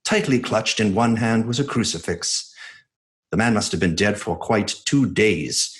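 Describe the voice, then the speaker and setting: An actor playing a grave doctor who presents evidence and reads a news report with theatrical suspense in a horror radio drama. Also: male voice, on the low side, a little slow, close to an everyday voice. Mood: ominous suspense.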